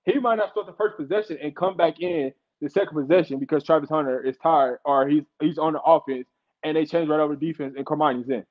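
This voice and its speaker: Guest analyst man, fairly high voice, insistent and explanatory, dull lo-fi line. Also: quick pace. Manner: explanatory, insistent, repeats himself to make a point. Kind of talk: casual sports talk show.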